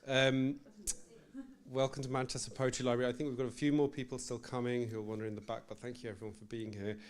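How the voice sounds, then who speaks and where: A man's voice: mid-range voice, flat delivery, quick pace. A young man opening a live poetry event in a library as its host, speaking informally with lots of ums and self-deprecating asides. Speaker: project manager and event host. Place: library event space with an audience. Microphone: live-streamed event microphone.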